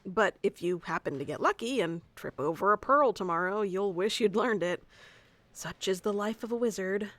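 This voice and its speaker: A woman performs an ASMR roleplay addressed to the listener, playing a haughty, easily flustered tsundere young wizard mentor who is bossy and teasing and stammers when flustered. Her animated, mid-range voice is fairly bright and close to an everyday voice, with a moderate pace and no echo. The mood is casual and explanatory.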